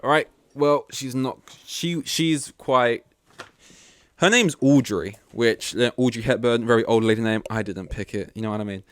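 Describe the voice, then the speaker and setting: A man's voice: medium pitch, moderate pace, clean tone, no room sound. A young man hosting a solo podcast from home, rambling offhandedly and swearing casually. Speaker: podcast host. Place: at home with his dog. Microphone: desk mic, plugged in.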